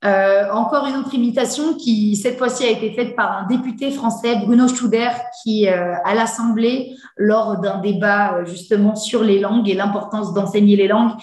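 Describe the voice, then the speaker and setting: A woman's voice: mid-range voice, fairly even intonation, moderate pace, hardly any pauses, darkish tone. Give me a woman teacher explaining a lesson with hesitant fillers, in a roomy space. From Alsace. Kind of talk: cultural presentation lesson.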